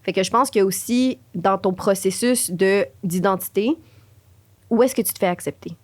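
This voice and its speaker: A woman from Chile speaks with a Quebec French accent in a relaxed podcast chat. She talks in an expressive, animated way, full of fillers and the odd English word. Her voice sits at a middle pitch and sounds dry and close to the mic. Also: moderate pace, no echo. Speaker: podcast co-host. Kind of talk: casual conversation.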